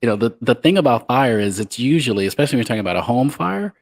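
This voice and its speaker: A man hosting a leadership podcast, speaking in a halting way with frequent filler sounds. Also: mid-range voice, very animated, no room sound. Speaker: podcast host. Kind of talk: podcast talk.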